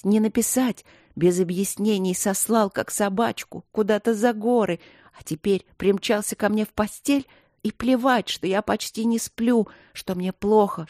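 A woman voicing a young wife who is exhausted and shouting through her tears. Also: on the low side, no echo, clean studio sound, natural voice.

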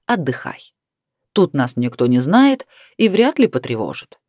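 A woman reading aloud, voicing a calm, gentle middle-aged husband who speaks softly and soothingly. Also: very deep voice, no room sound, studio quality, voice pushed down, heavily acted. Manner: soft, soothing, unhurried.

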